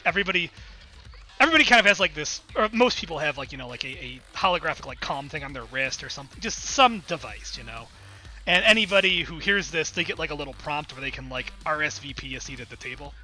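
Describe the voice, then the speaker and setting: A man's voice: a little high, lively intonation, fast talker, pushed and bright, soft background music. A man narrating as game master in a rambling, filler-heavy way.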